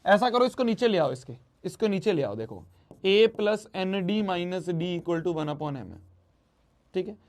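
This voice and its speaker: A man's voice: high-pitched, lively intonation, takes it slowly. A man teaching a math lesson, repeating his phrases and mixing Hindi with English math terms.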